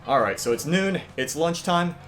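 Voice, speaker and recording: A man's voice: a little high, expressive, moderate pace, a bit bright, soft background music. A man chatting casually as a co-player during a game.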